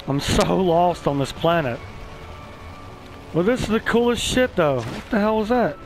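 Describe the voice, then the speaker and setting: A man giving casual let's-play commentary, excitable and swearing, chatting to the creatures on screen. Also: high-pitched, a little slow, faint music behind, poor audio. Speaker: gameplay streamer.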